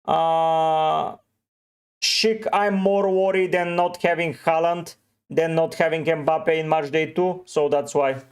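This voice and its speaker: A man hosts a relaxed livestream, reading viewers' names and answering each one briefly. His voice sits a little high for a man and comes through smooth and clear. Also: slow pace. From Bulgaria. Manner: reads out chat names and gives short, offhand answers. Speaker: fantasy football streamer. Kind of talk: casual livestream, answering chat.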